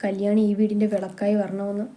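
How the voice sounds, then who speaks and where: Woman narrating a story, steady reading, warm dark voice. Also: mid-range voice, fairly quick, slight background noise.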